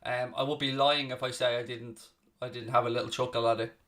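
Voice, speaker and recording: A young Dublin man with a bright, forward voice at medium pitch runs a live football watchalong from Ireland, talking briskly with a flat delivery. Chatty and blunt, he swears occasionally and cuts away to call the play and take viewer questions in casual match commentary.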